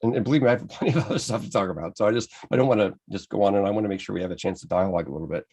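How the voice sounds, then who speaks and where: This American photography presenter has a lowish, mellow voice and rapid-fire delivery. Working from slides at a club talk, he stays upbeat and chatty, frequently starting his sentences over.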